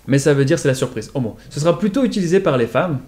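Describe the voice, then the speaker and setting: A man's voice: a little high, lively intonation, rapid-fire, darkish tone. Man, patient explainer, casual lesson pace, demonstrates sounds. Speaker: accent teacher.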